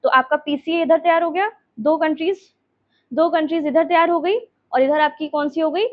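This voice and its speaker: A woman's voice: high voice, fairly even intonation, moderate pace, narrow, tinny audio. A woman teacher explaining a map lesson, repeating names and checking in with her students.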